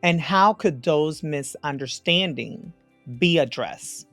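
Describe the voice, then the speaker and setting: A woman's voice: low-pitched, lively intonation, slow pace, a bit bright, no echo, faint music behind. A woman hosting a podcast, asking careful interview questions. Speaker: podcast host.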